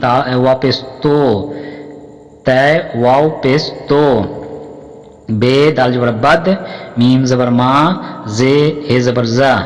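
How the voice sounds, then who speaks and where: A man's voice: medium pitch, little pitch movement, extremely slow, pauses often. A man teaching Urdu reading with a Pakistani accent, spelling each word out letter by letter, drawing out syllables and repeating each word. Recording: long hall reverb.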